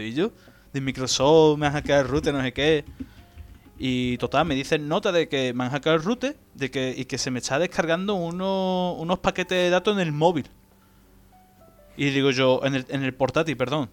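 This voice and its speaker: A young man chats on a podcast in a fairly high voice. He is blunt and swears freely as he tells stories, with soft music under his talk. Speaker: podcast co-host. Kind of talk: casual chat.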